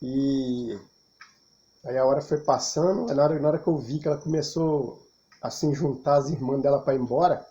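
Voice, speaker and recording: A man's voice: mid-range voice, normal speed, lo-fi sound. A man in his fifties with a Brazilian Portuguese accent, casually telling a personal story and chuckling often. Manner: chuckling often, relaxed and talkative.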